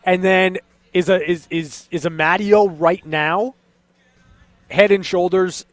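A man co-hosting sports talk radio, casually analyzing in a halting way and repeating words as he thinks aloud. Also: sits high, steady tone, no echo, soft background music.

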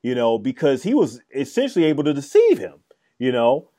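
A man's voice: mid-range voice, huge pitch swings, brisk, warm tone. A man in casual chat, talking in a rambling, hesitant way with many fillers and restarts. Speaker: podcast co-host discussing a film and comic.

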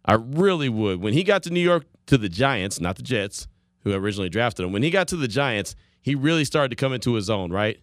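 A man's voice: mid-range voice, big pitch swings, fairly quick, dry recording, clean studio sound. A man hosting a sports talk radio show, chatting casually, repeating himself and laughing easily. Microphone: studio microphone.

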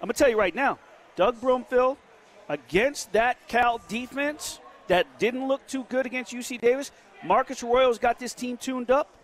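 A man hosting a sports betting radio show, giving emphatic, rapid-fire opinions from a casino sportsbook studio. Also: very high-pitched.

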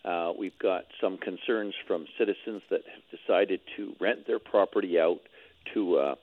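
A man calling in over the phone as a radio guest, explaining things in a measured way with halting restarts. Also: low voice. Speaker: real estate board president, radio guest. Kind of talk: call-in radio interview. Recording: tinny phone line.

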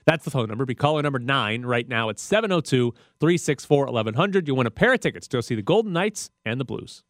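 A male sports radio host runs a contest promo in a punchy announcing style. His mid-pitched voice is recorded close and dry. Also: expressive, fast, dry recording.

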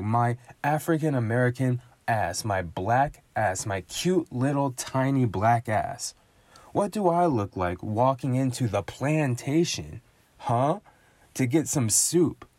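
A man rants in a loose, sardonic monologue, swearing freely and piling up emphatic asides. His pitch sits in an ordinary middle range. The sound is close and dry, with no room around it. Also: darkish tone, dry recording. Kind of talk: casual solo monologue rant.

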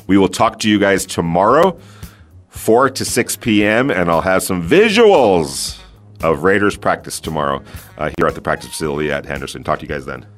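A man hosting sports radio, chatting casually in a halting, conversational way. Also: sits low, expressive, a bit bright. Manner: halting, conversational, repeats words. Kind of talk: casual radio sign-off and plugs. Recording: faint music behind voice.

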